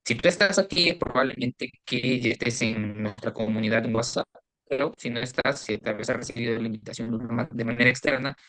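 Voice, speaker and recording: A man hosting an online class, thanking the speaker and introducing the organisation in a formal, measured way. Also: mid-range voice, a bit bright. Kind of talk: hosting a livestream.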